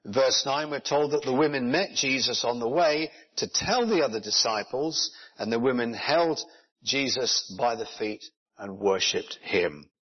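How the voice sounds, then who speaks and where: Man preaching in a husky voice. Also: mid-range voice, animated, unhurried. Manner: earnest, explanatory, with rhetorical questions. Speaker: pastor. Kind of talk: sermon. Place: church in Japan. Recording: dull lo-fi recording.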